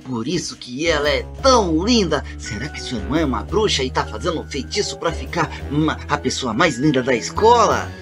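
Low, animated, bumbling schoolboy played by a woman. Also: brisk, few pauses, over music. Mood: eager. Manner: stammering, animated. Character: eager, bumbling schoolboy playing detective. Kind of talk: children's animated game roleplay story.

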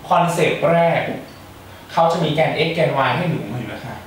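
A man's voice: a little high, lively intonation, moderate pace. A young man tutoring students for a math exam, chatty and playful, with joking asides. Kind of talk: exam-prep math lecture. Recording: echoey room, mic far off, faint hiss.

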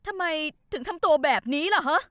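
A woman's voice: extremely high pitch, brisk, a bit bright, slight background noise. Stern, scolding mother. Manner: scolding, haughty. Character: stern middle-aged mother of the house. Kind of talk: dubbed TV drama acting.

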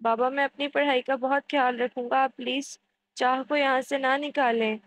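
A woman's voice: sits high, fairly even intonation, a little hiss or hum, close to an everyday voice. A woman reading the lines of a stubborn, devoted boy who pleads and protects in a storybook reading. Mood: pleading. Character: stubborn devoted young boy, later young man.

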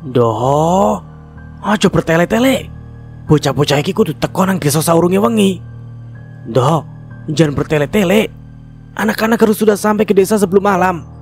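A man playing a stern older village headman who gives orders forcefully. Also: mid-range voice, flat delivery, a little fast, long pauses, faint music behind, close to an everyday voice. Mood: commanding. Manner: forceful, commanding, impatient.

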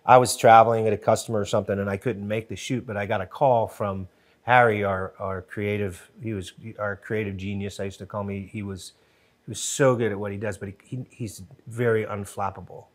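Animated middle-aged man, podcast guest. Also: lowish voice, a little fast. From Western Pennsylvania. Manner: animated, gestures a lot, frequent restarts. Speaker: podcast guest, TV show co-creator. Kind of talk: casual interview chat. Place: wood-paneled podcast studio. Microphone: studio mic on boom arm.

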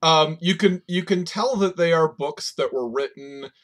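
A man's voice: on the high side, a little slow. A man co-hosting a podcast, talking casually with many fillers and restarts and laughing easily. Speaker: podcast co-host. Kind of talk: casual chat.

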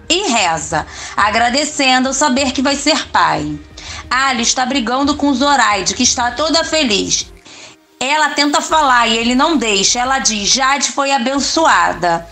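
Woman recapping a soap opera, high voice. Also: fairly bright tone. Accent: Brazilian Portuguese. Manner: plain storytelling, quoting lines in her own voice. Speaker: recap narrator.

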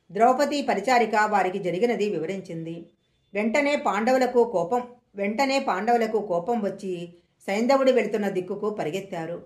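A woman storyteller slowly reading an old mythological story aloud in a measured way, recorded in an echoey room. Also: medium pitch.

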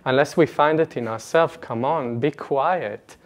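A man gives an earnest, animated personal talk to a retreat audience, speaking into a lapel mic in an indoor meeting room. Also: on the high side, measured pace. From Israel. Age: late 20s. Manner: earnest, animated, gestures broadly, laughs between points.

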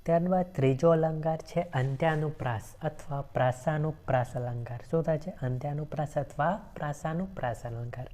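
A woman teaching a grammar lesson for exam preparation, asking questions and answering them herself and repeating each example slowly. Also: sits low, warm tone.

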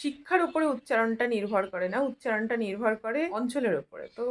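A woman's voice: fairly high pitch, fast talker. A young woman vlogger with a regional West Bengal Bengali accent, talking casually to her viewers while doing chores at home. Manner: chatty, addresses viewers directly with asides. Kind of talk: casual daily-life vlog narration. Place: home, moving between rooms and rooftop.

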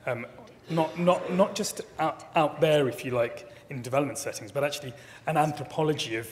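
A man's voice: a little high, fairly quick. A middle-aged man, a keynote speaker, answering audience questions thoughtfully at a lectern, often repeating words as he builds a point. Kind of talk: conference Q&A answers. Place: large conference hall, at a lectern. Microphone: lectern microphone. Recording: long reverb of a hall.

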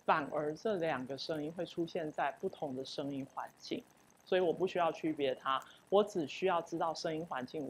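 A woman with a Taiwanese Mandarin accent lecturing on linguistics. She explains patiently, repeats example words slowly, and often says "oh". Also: fairly low pitch, breathy edge. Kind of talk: university lecture.

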